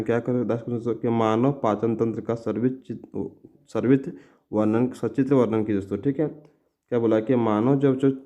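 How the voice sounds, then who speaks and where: A man explains exam answers to schoolchildren at a rapid clip, his voice sitting at an ordinary middle pitch. He tacks "okay" onto nearly every sentence and often breaks off and restarts words as he reads the questions out. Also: dark tone, lo-fi sound. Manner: fast, repetitive, calls listeners "friends" and "children"; stumbles and restarts words while reading questions. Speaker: teacher. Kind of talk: exam solution lesson.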